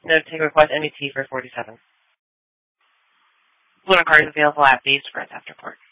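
A man dispatching over a police radio channel in a clipped, flat run of call signs. His voice sits a little high and comes through dull and lo-fi. The sound is dry and close. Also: fast, no echo. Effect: police radio transmission. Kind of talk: terse radio dispatch calls.

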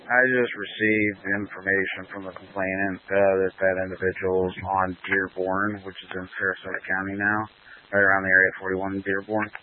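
A man's voice: deep voice, completely flat delivery, normal speed. A man talking as a police officer over a walkie-talkie radio, giving clipped, procedural reports to dispatch. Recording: tinny two-way radio with faint static.

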